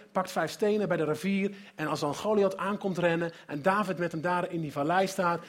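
Male preacher, high voice, dramatic sermon storytelling with sudden loud and soft turns.

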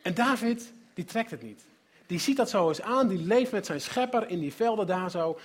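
Male preacher, high voice, dramatic sermon storytelling with sudden loud and soft turns. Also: expressive, normal speed.

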